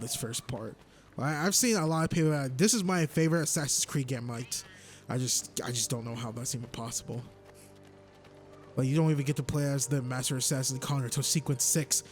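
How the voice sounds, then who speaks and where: Texas-raised male gamer, slightly high voice, rambling chatter with excited yelps, faint game music behind. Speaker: gameplay commentator. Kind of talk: casual let's-play commentary.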